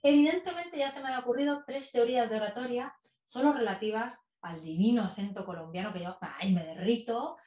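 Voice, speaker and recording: A woman guest talking about public speaking in a chatty, expressive and playful way, in a casual in-person interview. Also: fairly high pitch, fairly quick. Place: in person in a room with the host. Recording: echoey room.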